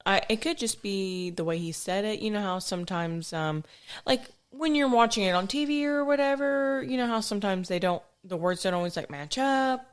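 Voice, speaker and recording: A woman co-hosting a podcast in casual chat, blunt and quick to swear. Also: mid-range voice, smooth. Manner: blunt, swears freely, laughs often. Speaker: podcast co-host.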